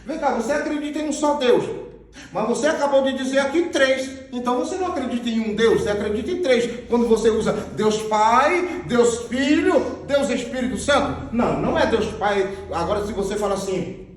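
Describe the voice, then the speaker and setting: A high-pitched Brazilian Portuguese man preaching with emphatic repetition, pointing things out as he teaches. His voice is caught from a distance and rings around a very echoey hall. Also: a little fast, a little hiss or hum. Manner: emphatic, repeats phrases, points at a drawn diagram. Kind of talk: sermon teaching with Bible readings. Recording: very echoey, far from the mic.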